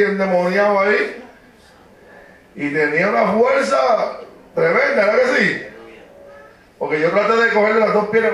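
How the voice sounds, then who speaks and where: A man preaching a fiery sermon, shouting praise between phrases and dropping low to tell stories, recorded from far off in a church hall. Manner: drops to a low storytelling voice for anecdotes. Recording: echoey hall from far off, crowd behind.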